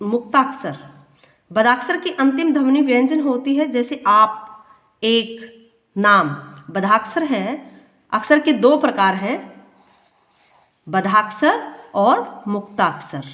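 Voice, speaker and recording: A woman with a fairly high voice reads grammar notes aloud as a teacher. She often goes back over a line slowly to make it clear. The room around her echoes noticeably. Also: lively intonation, a bit bright. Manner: reads a line, then repeats it slowly to explain.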